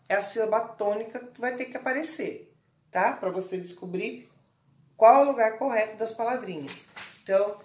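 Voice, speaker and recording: A woman's voice: on the high side, a little mellow, reverberant. A woman teacher with a Brazilian Portuguese accent giving a recorded online lesson to children, explaining patiently and checking in often. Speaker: primary school teacher.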